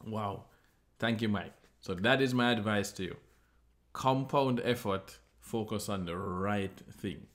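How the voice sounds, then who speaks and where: A man's voice: lowish voice, a little slow, a bit bright. A man giving a motivational talk, telling a story and explaining while he draws a graph. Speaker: host.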